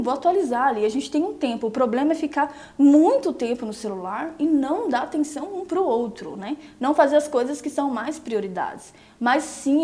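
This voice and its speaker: A woman's voice: high voice, warm tone. A woman giving marriage advice in a casual live stream, speaking emphatically and often checking that viewers follow her. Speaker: marriage and relationship coach.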